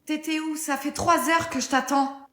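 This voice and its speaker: A woman voicing a suspicious, fed-up young mother and partner in a scripted text-to-speech drama. Her voice sits a little high. It rings with clear room echo. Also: steady tone, normal speed, a bit bright. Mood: annoyed.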